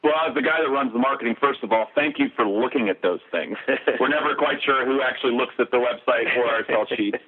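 A man's voice: mid-range voice, brisk, breathy edge. A man who runs marketing, chatting in a jokey, upbeat way as he promotes new golf drivers. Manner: jokey, upbeat, laughs often. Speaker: marketing executive. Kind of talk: promotional interview chat. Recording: tinny phone-like audio.

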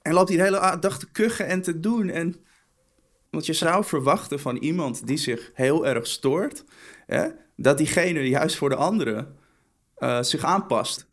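A man's voice: on the high side, unhurried. A young man interviewed for a documentary, talking hesitantly and often repeating words as he speaks of his father. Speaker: interviewee, son.

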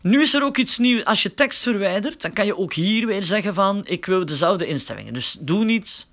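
High, lively man explaining. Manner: explains slowly while working a phone, with filler words. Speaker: instructor. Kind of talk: casual spoken tutorial.

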